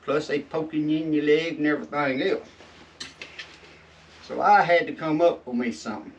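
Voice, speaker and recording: Recorded in a shed on a distant mic, this Southern US man hosts a laid-back how-to vlog, drawling in a folksy way with chewing tobacco in his lip softening his words. His fairly high voice moves at a moderate pace, and the dull, lo-fi sound has slight background noise.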